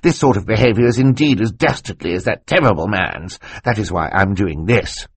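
A man voicing an excitable, fussy older male snake scientist in an audiobook, talking over others. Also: on the low side, moderate pace, slightly rough, no echo. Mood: excited. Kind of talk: audiobook character voice.

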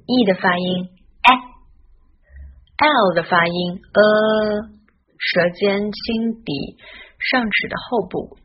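A woman giving a scripted English pronunciation lesson in Chinese, spelling out letters and modeling each sound slowly. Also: medium pitch, slightly rough, lo-fi sound.

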